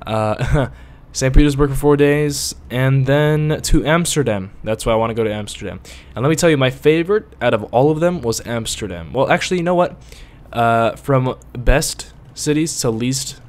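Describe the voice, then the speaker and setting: A man's voice: medium pitch, lively intonation, moderate pace, hardly any pauses. Rambling, cursing gamer man, Latvian native. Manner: rambling, swears, bursts out at driving mishaps. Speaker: gaming video host. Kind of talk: casual gameplay commentary.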